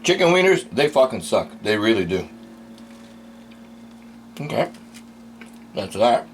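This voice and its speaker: A man's voice: mid-range voice, big pitch swings, slow, a little hiss or hum. A man giving a casual, unscripted food review in blunt, crude, rambling, drunken-sounding talk, swearing constantly.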